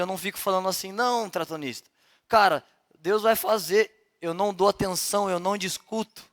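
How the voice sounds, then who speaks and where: Young Brazilian man, high voice, conversational preacher who acts out scenes in his sermon. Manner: animated and conversational, acting out dialogue. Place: church service.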